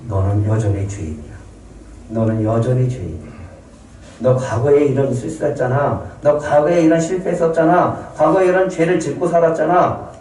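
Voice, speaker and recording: A man's voice: medium pitch, normal speed, a little mellow, a little hiss or hum, natural voice. A man voicing an accusing tempter spirit who taunts a listener about past failures. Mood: taunting. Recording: roomy hall from a distance.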